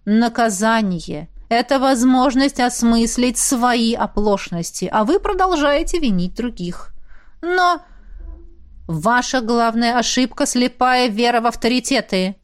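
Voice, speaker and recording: A woman's voice: a little high, expressive, moderate pace, natural voice. A woman voicing a stern female academy rector who lectures her students in a cutting, reproachful manner.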